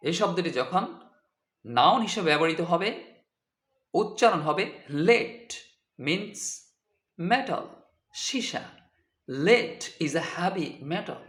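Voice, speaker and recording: Man as English tutor, high lively voice, very slow and deliberate, echoey room. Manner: spells words letter by letter and translates each line. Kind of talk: slow deliberate vocabulary lesson.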